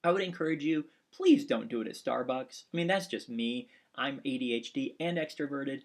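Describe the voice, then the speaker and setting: Gravelly forty-something man, earnest. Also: medium pitch, moderate pace. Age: 40s. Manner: rambling, earnest, with many restarts and fillers. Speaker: instructor and pastor. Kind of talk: casual course announcement video.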